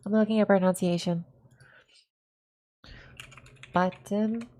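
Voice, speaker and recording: Giggly, self-deprecating woman streamer from California, middle pitch, rambling casual chat. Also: fairly even intonation, slow pace, darkish tone. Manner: repeats words over and over, testing pronunciation. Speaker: live streamer.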